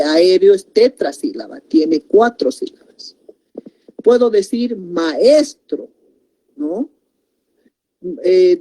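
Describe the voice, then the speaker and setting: A woman's voice: medium pitch, mellow. A woman teaching a grammar lesson, explaining step by step and breaking words into syllables.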